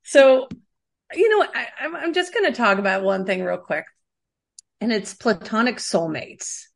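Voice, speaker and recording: A woman's voice: on the high side, expressive, unhurried, vocal fry. A woman in her thirties co-hosting a podcast, chatting casually with lots of fillers and laughter. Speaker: podcast co-host. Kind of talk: casual chat.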